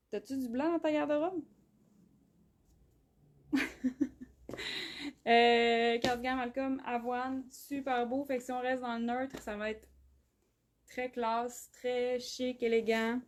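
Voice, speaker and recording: A woman with a Québécois accent hosting a live clothing sale, chatty, full of fillers and quick laughs. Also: a little high, fairly even intonation, a little mellow. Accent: Québécois French. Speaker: clothing brand host. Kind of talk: live shopping stream. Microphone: phone.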